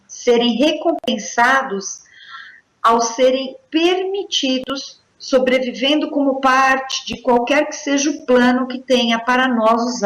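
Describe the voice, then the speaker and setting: Slow-reading woman, echoey room. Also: fairly high pitch. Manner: slow, deliberate read-aloud delivery. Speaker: co-host. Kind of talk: reading commentary on a paranormal talk show. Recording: roomy echoey sound.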